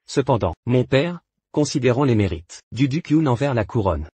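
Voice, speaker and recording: An actor playing a stern young prince passing formal judgment in a French drama dub, with a raspy voice. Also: male voice, medium pitch, big pitch swings, moderate pace, mellow, dry recording.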